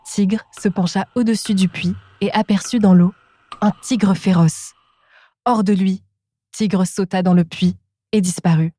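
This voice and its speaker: A woman narrating a children's storybook in a calm, clear storytelling manner. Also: medium pitch, unhurried, a little hiss or hum.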